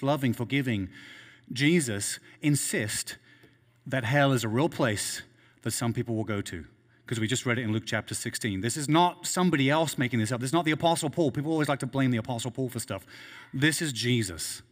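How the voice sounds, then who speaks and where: A man's voice: mid-range voice, a bit bright. Earnest preacher man, echoing hall. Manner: earnest, repeats words and restarts while building a point. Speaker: pastor. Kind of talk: sermon.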